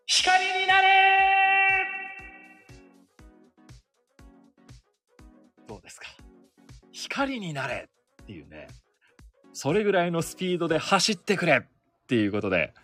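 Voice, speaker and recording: This solo podcast comes from a sports announcer in his thirties who talks about his job in a casual, self-mocking, radio-like chat. He has a fairly high, slightly bright voice with huge pitch swings, a brisk pace and frequent pauses. There's no echo, and faint music plays behind him.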